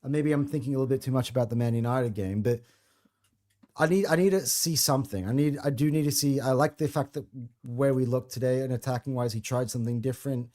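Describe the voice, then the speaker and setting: A man's voice: mid-range voice, quick pace, darkish tone. Passionate rambling man hosting a podcast. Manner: passionate, rambling, many restarts. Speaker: podcast host. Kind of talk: casual football podcast chat.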